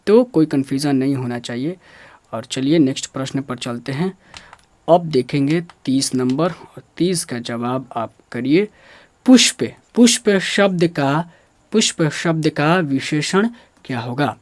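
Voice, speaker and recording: In this echo-free clip, a man speaks at medium pitch and an unhurried pace while teaching Hindi grammar for an exam. Asking and then answering his own questions, he drills key words and emphasizes precise pronunciation.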